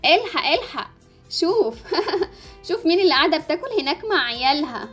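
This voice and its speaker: Woman as sly, mean Egyptian wife in a game cartoon, high and brisk, light music underneath. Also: very animated, fairly bright tone. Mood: spiteful. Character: scheming, spiteful young wife who nags her husband. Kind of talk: amateur game-animation story acting.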